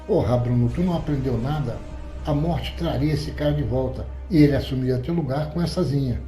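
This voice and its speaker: Brief: coarse commanding tough guy read by a male narrator, dark mellow voice, roomy echo. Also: medium pitch, a little fast, faint music behind, natural voice. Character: blunt domineering young man, tough enforcer. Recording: roomy echoey recording.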